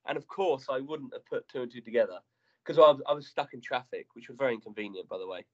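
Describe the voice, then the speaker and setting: A man's voice: medium pitch, fast talker, darkish tone, muffled recording. A man with a British accent hosting a casual podcast chat with dry, teasing banter. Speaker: podcast host.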